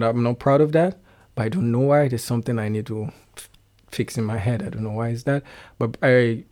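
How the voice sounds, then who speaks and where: A young Nigerian-accented man, a guest musician, chats casually in an interview with a medium-pitched, darkish voice. He laughs often and keeps correcting himself, restarting in a halting way.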